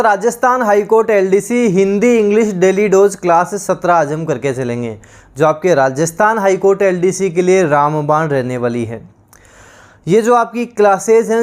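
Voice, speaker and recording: A male teacher giving an online exam-prep lesson, encouraging his students and repeating word lists in a drilling rhythm. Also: high voice.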